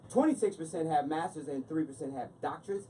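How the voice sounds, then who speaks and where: A man's voice: fairly high pitch, fast talker, mellow, far from the mic, slight background noise, rough recording. American male morning radio host, slightly off-mic. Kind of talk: casual radio hosting and chat.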